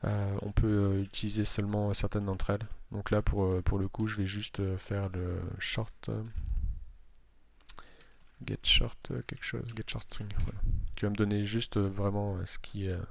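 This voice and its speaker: A Java developer at a computer indoors explains code aloud in a live coding tutorial, often hesitating and restarting and tossing in self-mocking asides. His voice is lowish and gravelly, delivered flatly at a moderate pace.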